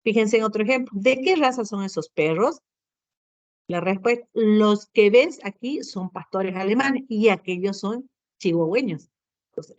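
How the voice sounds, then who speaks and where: A woman's voice: medium pitch, dry recording, muffled recording. A woman teacher giving a grammar lesson to students, explaining step by step, often adding tag questions and fillers.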